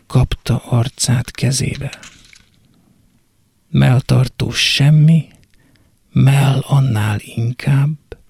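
A man giving a dramatic poetry recitation, moving between hushed whispers and intense, raised lines. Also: mid-range voice, vocal fry, no room sound, clean studio sound. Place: radio studio.

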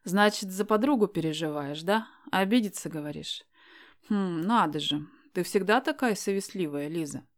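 A woman's voice: fairly low pitch, normal speed, natural voice. A woman voicing a self-assured young man in an audiobook, teasing and insistent as he presses a shy girl to go out with him. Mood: pushy.

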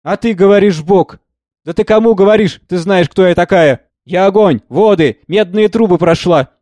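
A man's voice: normal speed, a little mellow, no echo, close to an everyday voice. A man voicing a bitter, broken young woman who cries out in anguish. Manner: shrill, crying out.

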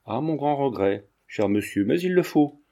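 A poised foreign countess speaks in a cool, clipped, faintly dismissive manner, voiced by a man raising his pitch. Her tone stays mellow and unhurried. She sounds sure of herself and keeps everyone at arm's length. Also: animated, close to an everyday voice.

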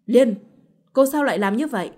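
A woman's voice: mid-range voice, lively intonation, moderate pace, mellow, close to an everyday voice. A woman voicing an angry young husband who demands answers sharply, in a storybook reading.

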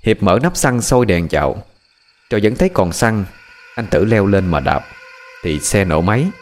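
A man narrating a ghost story in a lively, expressive way. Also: lowish voice, moderate pace. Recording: faint music and night crickets behind.

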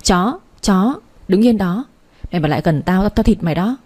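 A woman's voice: medium pitch, lively intonation, normal speed, warm tone, lightly acted. A woman voicing a cocky, joking young man in a storybook reading. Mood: brash. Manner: boastful, teasing.

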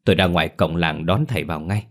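A man's voice: low voice, fast talker. A man voicing an old village grandfather who speaks in a reassuring, hesitant way.

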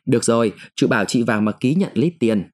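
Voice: medium pitch, lively intonation, fast, a little mellow, close to an everyday voice. A man reading a story, voicing a sly older go-between who is bossy and impatient. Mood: coaxing, sly.

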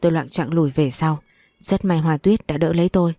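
A woman reading a story aloud in a steady, plain storytelling way. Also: sits low, fairly quick, no room sound, clean studio sound. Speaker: story narrator.

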